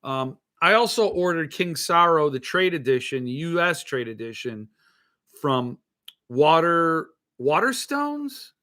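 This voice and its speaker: Lisping man with a higher-pitched voice. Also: big pitch swings, slow, bright, forceful tone. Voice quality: lisp with slushy s sounds from a bitten tongue. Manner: hesitant, thinking aloud, trailing off into asides. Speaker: host of a book-collecting show. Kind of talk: casual rambling chat.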